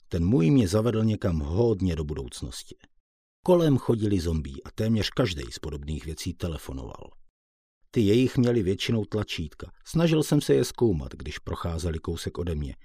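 A man narrates a first-person audiobook in a calm, reflective way. His deep, dark voice has a husky grain, yet his pitch moves expressively through the sentences. The recording is dry and close, with no room sound. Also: no echo. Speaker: audiobook reader.

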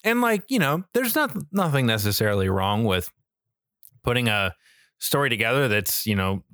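A podcast co-host chats casually about video games and media, emphatic and slangy with mild profanity. His medium-pitched voice swings widely in pitch at a normal speed and sounds a bit bright, recorded cleanly in a studio with no room sound.

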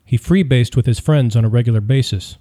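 Male narrator for a true-crime read, very mellow dark tone, steady delivery. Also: mid-range voice, brisk. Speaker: audiobook narrator. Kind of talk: scripted narration.

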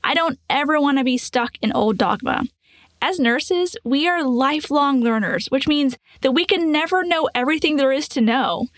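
A woman's voice: sits high, animated, moderate pace, a bit bright, dry recording. A woman in her forties, a nurse hosting a podcast, telling a patient story and teaching in an earnest, explanatory way with rhetorical questions.

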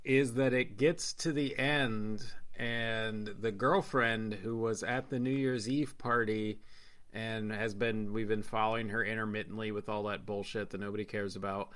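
Podcast host, male, blunt and swearing, with a bright, forceful tone. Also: fairly low pitch, fairly even intonation, normal speed. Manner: blunt and profane, emphatic rants. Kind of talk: casual panel chat.

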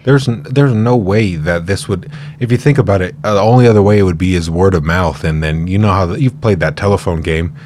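A man's voice: low-pitched, fairly quick, a little mellow, a little hiss or hum. A man co-hosting in a loose, informal chat style. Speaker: podcast co-host. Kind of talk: casual chat.

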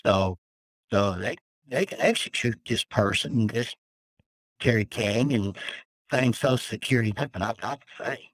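A man's voice: fairly low pitch, animated, a little slow, a bit bright, no echo, poor audio. A man calling in to share an emotional, earnest personal testimony of faith as a guest. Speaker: death row inmate guest. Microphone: phone call.

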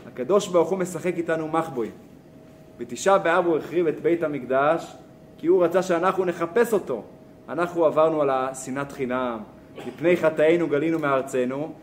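In a somewhat high voice, with slight background noise, a man gives a Torah lesson. He is animated, tells a story, and poses rhetorical questions.

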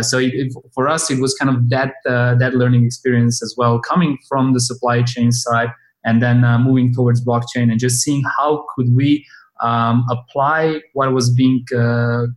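A male company founder answering interview questions in a mid-pitched voice. He talks softly and haltingly, pausing often to find the right word. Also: rough recording. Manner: soft-spoken, halting, searching for words. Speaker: company founder, podcast guest.

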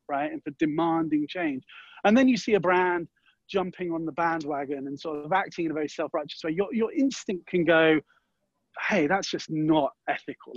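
A man's voice: on the high side, no room sound, lo-fi sound. A man being interviewed, talking in a thoughtful way, often restarting and weighing both sides. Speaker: guest. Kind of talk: interview conversation.

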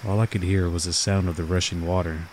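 A man's voice: low voice, level tone, fast, darkish tone, slight background noise, poor audio. A man reading a scripted first-person horror story as its narrator.

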